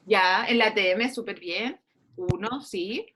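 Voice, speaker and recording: A woman's voice: medium pitch, a little slow, fairly bright tone. A woman teaching an online dentistry class, coaxing students to answer questions with frequent fillers over a video call. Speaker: dentistry lecturer.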